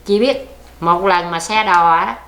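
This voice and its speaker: A woman's voice: lowish voice, unhurried, fairly bright tone. An older woman with a Southern Vietnamese accent, telling her life story in a plaintive, rambling way during an oral history interview. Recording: echoey room with faint background noise.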